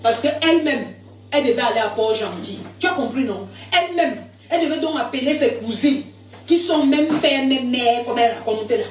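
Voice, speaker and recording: A high-voiced woman giving indignant, rambling live commentary and repeating words as she argues. She sits back from the mic in an echoey room. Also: lively intonation, moderate pace, recorded from a distance.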